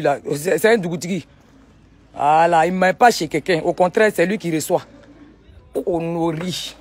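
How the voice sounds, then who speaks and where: A woman, vlogging casually from a sunny village outdoors on a handheld phone, animated and talkative, firing back at critics. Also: lowish voice. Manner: animated, chatty, retorts to critics. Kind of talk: casual vlog tour.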